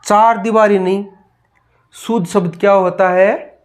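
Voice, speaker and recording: A man's voice: sits high, steady tone, measured pace. A man teaching a grammar lesson, calling out a word, asking what it is and answering himself over and over. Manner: drills word spellings with repeated questions and answers.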